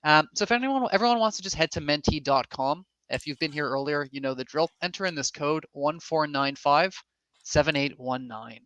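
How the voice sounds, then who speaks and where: A man with a fairly high voice hosts a live online session over a video call, chatty and upbeat and full of restarts. The sound is dull and lo-fi like computer call audio, and it is very dry with no room sound. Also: expressive, brisk, sharp tone, no room sound. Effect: heard over a video call. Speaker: co-host of an online summit. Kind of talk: casual hosting of a live online event.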